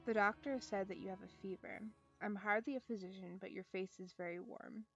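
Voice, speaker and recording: A woman reading as a calm formal young man. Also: medium pitch, dull audio, soft background music, natural voice. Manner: polite, measured, formal.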